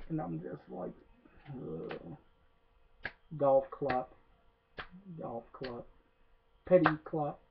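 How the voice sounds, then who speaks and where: Man, slow rambling rant, fairly high voice, tinny phone-like recording, sarcastic, swears. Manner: rambling, profane, many filler "uh"s, sarcastic. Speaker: film reviewer. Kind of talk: ranting movie review.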